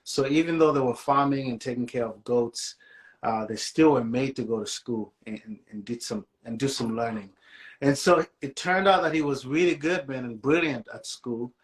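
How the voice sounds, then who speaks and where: A man from Malawi in his forties, a guest musician telling his story in a casual interview, relaxed and dropping "man" often. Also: medium pitch.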